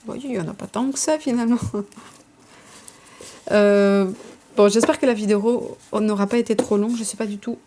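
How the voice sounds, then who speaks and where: Woman vlogger, mellow, hesitant and chatty; faint noise behind. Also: mid-range voice, fairly even intonation, moderate pace, pauses often. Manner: chatty, hesitant, many fillers and self-corrections. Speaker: vlogger showing her tarot collection. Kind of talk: casual show-and-tell.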